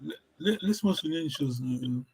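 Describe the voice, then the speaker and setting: A man teaching a language lesson, patiently repeating words slowly for a learner. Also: on the high side, expressive, gravelly, darkish tone, husky.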